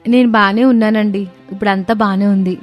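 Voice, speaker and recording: A woman voicing a young, pregnant daughter-in-law who speaks politely and softly in a storybook tale. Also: medium pitch, fairly even intonation, fairly quick, soft background music, close to an everyday voice. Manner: polite and soft, pleading.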